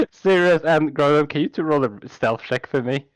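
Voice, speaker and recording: A man running a tabletop game as game master, narrating in halting, hesitant phrases. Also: fairly high pitch, lively intonation, no room sound.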